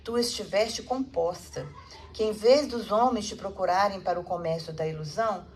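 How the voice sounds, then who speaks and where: A woman voicing a gentle, serene male teacher who speaks in a tender, solemn and poetic way. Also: high voice, normal speed, a little hiss or hum, close to an everyday voice.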